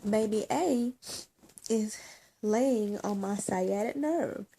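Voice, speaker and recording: Woman vlogger, mellow tone, teary and halting, casual chat, light background noise. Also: mid-range voice, gravelly. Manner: halting, many ums and restarts, emotional. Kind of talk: casual personal vlog.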